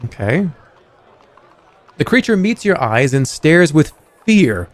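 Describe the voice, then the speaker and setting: A man's voice: on the high side, sing-song, slow, dry recording. A man reading game narration aloud on a livestream in a playful, theatrical way. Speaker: game streamer.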